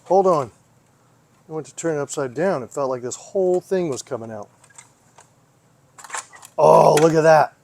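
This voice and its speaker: A hobby repair vlogger with a fairly high, gravelly, slightly mellow voice talks at a moderate pace, pausing often. He muses casually as he tinkers, thinking aloud and asking himself questions, with slight noise in the background.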